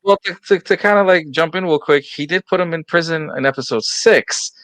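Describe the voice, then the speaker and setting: A man leads a relaxed panel chat with a bright, forceful tone, handing the floor to guests one by one. The sound is dry and close, with no room ring. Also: fairly high pitch, fairly quick, no room sound. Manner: steers the talk, calls on panelists by name. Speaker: podcast host. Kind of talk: casual panel discussion.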